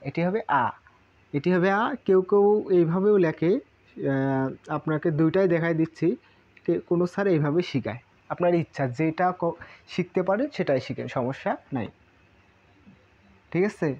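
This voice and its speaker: Man, Japanese teacher, repeats syllable drills, asks quick questions, dull lo-fi recording. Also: on the high side. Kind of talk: casual spoken lesson at a whiteboard.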